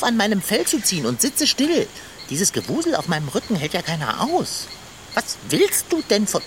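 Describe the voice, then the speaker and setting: A woman's voice: mid-range voice, slight background noise. A woman voicing a fat, pompous, always hungry male tomcat in a children's radio play, talking in a dry, lofty, sarcastic way. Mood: panicky.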